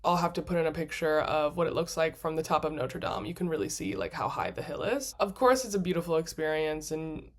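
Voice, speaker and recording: A woman's voice: low-pitched, expressive, brisk, hardly any pauses. A woman vlogger telling a travel story in a casual, gushing way, laughing often and acting out her own thoughts in quoted asides. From United States. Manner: chatty, gushing, laughs often mid-sentence.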